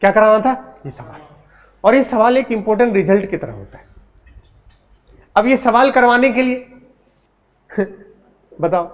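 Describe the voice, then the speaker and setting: A man teaching a physics class, who teases his students and keeps asking them questions. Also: high voice. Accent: Hindi. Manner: teasing, asks the class questions. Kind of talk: classroom lecture.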